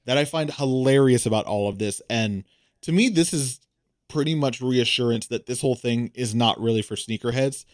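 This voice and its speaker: A man co-hosting a casual chat podcast, talking in an animated, jokey way. His pitch sits in the middle and he breaks into playful voiced asides. The sound is dry and close, with no room around it. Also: moderate pace, dry recording. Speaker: podcast co-host.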